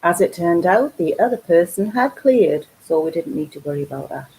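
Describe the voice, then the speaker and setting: A woman's voice: fairly low pitch, expressive, normal speed, dark tone, husky, low-quality recording. A woman with a Geordie accent hosting a casual live craft stream from home, chatting and rambling with lots of ums. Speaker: craft channel host.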